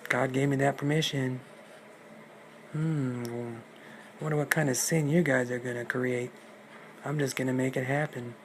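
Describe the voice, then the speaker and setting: A man's voice: medium pitch, fairly even intonation, unhurried, long pauses, lightly acted. A man voicing a sly, scheming male big bad wolf who taunts and menaces in slangy talk, on a noisy recording. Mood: taunting.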